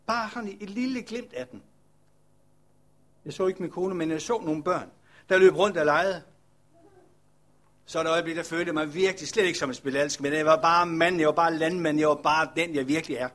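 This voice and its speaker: A man's voice: fairly high pitch, long pauses, fairly bright tone, lightly acted. A man voicing a weary, humble male leper farmer who is telling his own story earnestly in the first person. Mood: longing.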